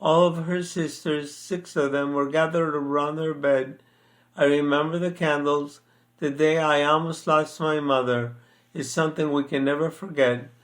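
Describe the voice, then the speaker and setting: A man's voice: a little high, fairly even intonation, normal speed. An older man in a casual chat, who then reads his own poem aloud, speaking hesitantly with many fillers. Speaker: poet sharing his poems.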